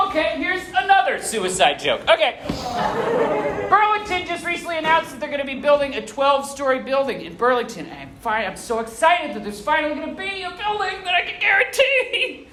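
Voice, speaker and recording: A man doing a stand-up set into a handheld mic on a comedy club stage, with self-deprecating, swearing dark humor. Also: extremely high pitch, heavy background noise. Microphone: handheld microphone. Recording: roomy club with audience laughter.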